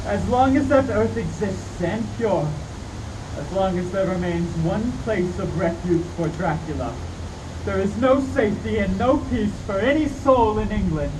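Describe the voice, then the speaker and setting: High-pitched, commanding vampire-hunting professor played by a man. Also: animated, unhurried. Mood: urgent, alarmed. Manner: grave, emphatic, theatrical. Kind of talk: 1930s-style radio play acting. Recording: echoey hall, distant mic, background noise.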